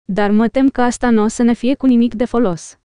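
A woman's voice: a little high, steady tone, mellow, smooth, dry recording, clean studio sound, lightly acted. A woman voicing an old male warrior in an audiobook, commanding and rallying.

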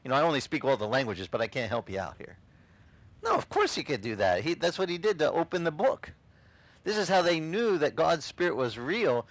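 A middle-aged man, whose first language is not English, preaches an animated and casual sermon outdoors on a beach, gesturing and acting out the voices he quotes. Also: on the high side, brisk, no room sound, poor audio. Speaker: pastor.

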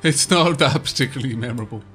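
Playing a game alongside a friend, a young man from Wales rambles casually as a streamer, leaning heavily on fillers in co-op chatter. He talks fast in a medium-pitched, slightly bright voice with a Welsh accent.

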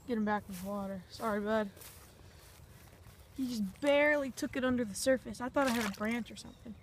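A fishing vlogger talks casually into a handheld phone on a pond bank outdoors, rambling briskly to her viewers. Her voice is slightly high, with faint nature noise behind it.

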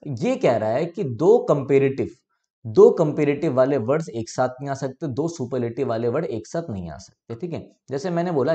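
A young man teaching English grammar for exams, patiently explaining and often checking that students follow, reading example sentences out slowly. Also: mid-range voice, warm tone. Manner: explains patiently, asks "ठीक है?" to check understanding. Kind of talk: exam-prep grammar lesson.

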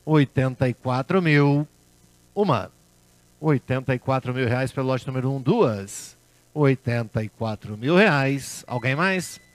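A man's voice: mid-range voice, measured pace, no echo. A man working as an auctioneer, calling bids at a car auction in a repetitive chant.

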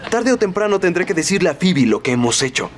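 A man's voice: high voice, big pitch swings, fast talker, noisy background. An actor playing an earnest, sweet teenage boy in a children's sitcom.

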